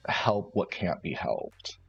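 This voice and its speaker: A man with a low, slightly rough, sing-song voice speaks slowly while playing a roleplaying game, casually improvising his character's description and searching for words along the way. There's no echo and faint music behind him, on slightly dull online stream audio.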